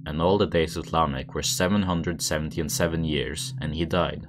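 A man reading scripture aloud in a monotone manner. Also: very deep voice, moderate pace. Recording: background music under the voice. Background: music.

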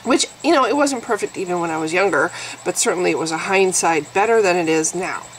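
A woman's voice: lowish voice, quick pace, slight background noise, rough recording. A woman in her fifties with a nasal voice, vlogging to camera in a blunt, sarcastic way. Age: 50s. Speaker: YouTube vlogger. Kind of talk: candid talking-to-camera vlog.

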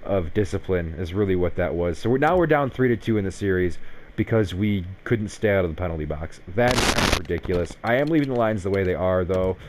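A man's voice: low-pitched, animated, fairly quick, noisy background. Sarcastic young man commentating gameplay. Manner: frustrated, sarcastic, swears freely. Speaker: gaming YouTuber.

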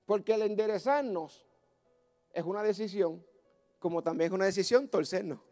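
A male pastor, preaching a fervent Pentecostal sermon through a story that builds to loud exclamations. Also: sits high, normal speed, faint music behind. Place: church service.

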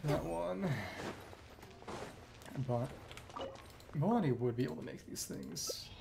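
A woman game streamer gives casual live commentary on her gameplay, half muttering to herself and letting out mild exclamations. Her voice is deep, expressive and creaky, and she speaks slowly. The recording is very noisy, with loud game music behind her.

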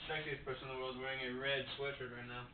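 Very fast-talking man with deadpan banter. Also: medium pitch. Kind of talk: casual joking chat. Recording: tinny lo-fi home video with hiss.

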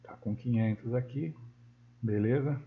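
Brazilian man teaching software, lo-fi sound. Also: medium pitch, unhurried. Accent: Brazilian Portuguese. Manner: thinks aloud while working, with frequent self-corrections. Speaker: software instructor. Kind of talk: screen-recorded software tutorial. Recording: dull lo-fi sound.

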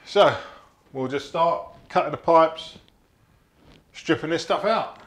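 A man's voice: on the high side, slow pace. A middle-aged man chatting casually as he works, talking through a DIY job in a small tiled bathroom. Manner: chatty, practical, thinks aloud with fillers. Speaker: DIY vlogger. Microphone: action camera. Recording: echoey tiled room, faint noise.

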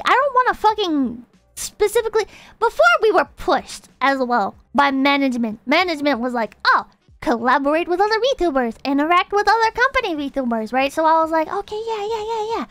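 A woman's voice: high voice, a bit bright, no room sound. A woman livestreamer with a cute anime-streamer voice, ranting casually to her chat in a blunt, profane, exasperated way. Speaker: VTuber livestreamer.

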